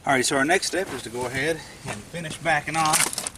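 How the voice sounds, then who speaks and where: Heavy background noise surrounds this presenter, whose voice is a little high and brisk, a touch stuffy from a slight head cold. Patient and plainspoken, he explains a car repair step by step for a casual DIY walkthrough, using plenty of fillers.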